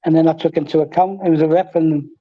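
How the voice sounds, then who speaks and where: Wry, relaxed man on a lo-fi line. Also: fairly high pitch, fast. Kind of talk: casual fan chat. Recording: dull lo-fi audio.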